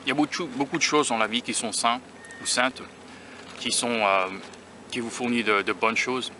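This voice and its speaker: Traffic and vehicle noise surround a US food-tasting vlogger filming himself with a handheld camera or phone as he eats outdoors by a beach near rail tracks. His medium-pitched voice is bright and forceful, fairly quick, with fairly even intonation. He chats casually and self-consciously, musing aloud and frequently restarting sentences.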